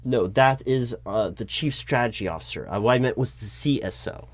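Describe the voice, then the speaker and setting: Playing a flustered, awkwardly polite recruiting manager, a man speaks hesitantly in a one-sided interview roleplay, often repeating his words. His voice is medium-pitched, and he talks at a normal speed.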